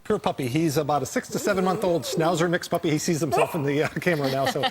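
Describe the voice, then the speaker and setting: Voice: mid-range voice, fast talker. A guest talking casually about a dog in a live TV interview. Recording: loud noise and dog barking.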